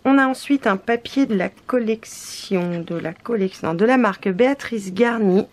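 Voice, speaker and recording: A woman's voice: medium pitch, normal speed. Chatty French-speaking woman unboxing craft papers. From France. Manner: chatty, hesitant, many fillers. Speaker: scrapbooking vlogger. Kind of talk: casual product unboxing chat.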